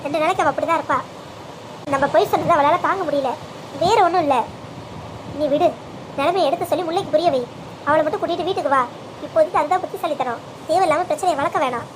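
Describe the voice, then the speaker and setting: A woman voicing a calm middle-aged father who patiently talks his family round. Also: high-pitched, fast, pauses often, noisy background, close to an everyday voice. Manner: soothing, persuasive, takes blame.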